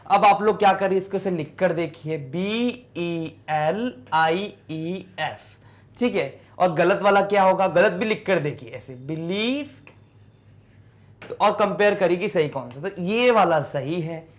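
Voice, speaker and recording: Here a male teacher, high in pitch, explains how English words are spelled during a lesson. Rather than waiting for replies, he asks a string of questions and answers them himself, sounding out words slowly one syllable at a time.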